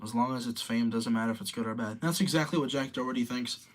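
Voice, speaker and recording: Talking fast at a medium pitch, a streamer in his late teens reads viewers' comments aloud and rambles casually through his commentary.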